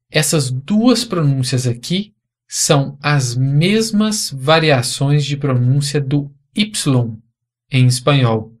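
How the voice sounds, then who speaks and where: Slow, patient Brazilian teacher man. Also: on the high side. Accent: Brazilian Portuguese. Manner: patient, explanatory, repeats example words clearly. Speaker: language teacher. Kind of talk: online language lesson.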